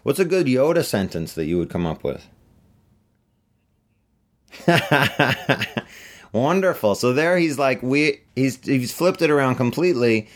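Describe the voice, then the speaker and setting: A man's voice: mid-range voice, slow pace, pauses often. Chatty middle-aged male author. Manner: relaxed, chatty, many fillers. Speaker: author on book tour. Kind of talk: casual interview answers.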